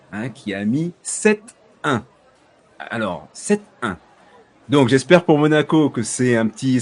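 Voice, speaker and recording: A man hosting a casual sports news podcast, chatty and full of hesitations, restarts and jokey asides to his listeners. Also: on the low side. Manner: hesitant, heavy fillers and restarts. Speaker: podcast host.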